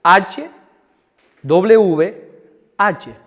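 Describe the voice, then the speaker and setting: A man preaching a sermon as pastor, teaching with lively emphasis and stopping for quick asides to the people around him. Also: high voice, long reverb tail, lo-fi sound. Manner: animated, with asides to helpers about the screen. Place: church hall.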